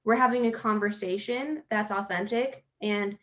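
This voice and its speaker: A woman's voice: medium pitch, normal speed, a bit bright. A woman, a guest social media coach, giving conversational, emphatic advice in a casual webinar.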